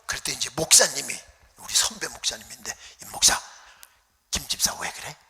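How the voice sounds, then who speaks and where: Animated preacher in a reverberant hall. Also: male voice, mid-range voice, a little fast, creaky, a little hiss or hum. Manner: animated storytelling, acting out voices, dropping to whispers. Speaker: pastor. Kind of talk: revival sermon storytelling. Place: church hall.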